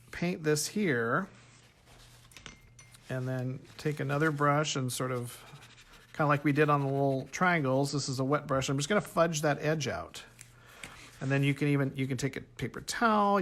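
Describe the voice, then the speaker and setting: A man's voice: fairly high pitch, fairly bright tone. A man teaching a painting workshop in a casual, chatty way, thinking aloud as he works at a table. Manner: chatty, thinks aloud while working, self-correcting. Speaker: art instructor. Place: home art workspace at a table.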